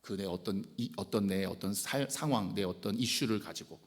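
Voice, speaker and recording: A male pastor preaching a sermon. He asks his congregation questions, acts out the people he quotes, and swings from loud exclamations to hushed whispers. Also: fairly low pitch, moderate pace. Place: church sanctuary. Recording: church hall reverb.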